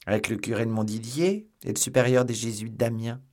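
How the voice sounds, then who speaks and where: A man's voice: mid-range voice, brisk, a little mellow, lightly acted. A man voicing a devoted, deferential male manservant who answers politely and evasively.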